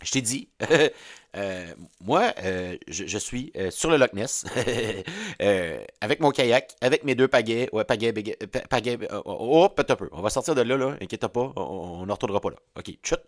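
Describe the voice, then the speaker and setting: A man's voice: fairly low pitch, lively intonation, moderate pace, no room sound, clean studio sound. A man with a Québécois accent delivering a rambling comedic monologue, stammering and laughing often at his own jokes. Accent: Québécois French. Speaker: host of a comedic audio series.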